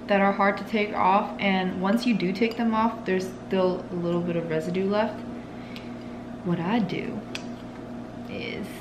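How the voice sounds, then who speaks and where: A woman's voice: mid-range voice, noisy background. A young woman in her twenties chatting casually to camera in her home kitchen, giggly and giving tips, recorded on a compact camera. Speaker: lifestyle vlogger. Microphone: compact camera on the counter. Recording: background music under the voice.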